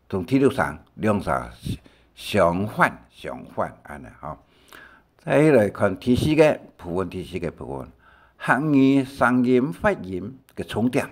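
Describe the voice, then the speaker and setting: Older male language teacher, rambling and unhurried, low-pitched with lots of melodic movement. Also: a little mellow. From Taiwan. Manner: slow, rambling explanations with many fillers and repetitions. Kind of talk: recorded language lesson.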